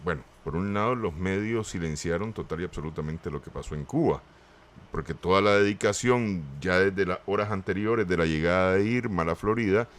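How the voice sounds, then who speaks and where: Very deep-voiced Nicaraguan man. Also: fairly quick, a little hiss or hum. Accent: Nicaraguan Spanish. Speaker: radio show co-host. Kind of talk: live current-affairs discussion.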